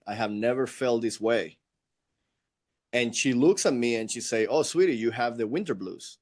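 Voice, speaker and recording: Interview guest: middle-aged Venezuelan man, Spanish accent, mid-pitched, earnest and reflective storyteller.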